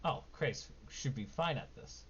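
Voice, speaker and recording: A man's voice: medium pitch, animated, normal speed, a bit bright. A man narrating as game master of a tabletop game, in a casual, informal way. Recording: dull lo-fi mic, background noise.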